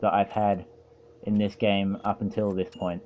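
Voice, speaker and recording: A let's play host with a low, darkish voice comments casually on a racing game, speaking a little slowly in a level tone. He rambles and pokes dry fun at himself, seems to be feeling overheated, and there's slight background noise.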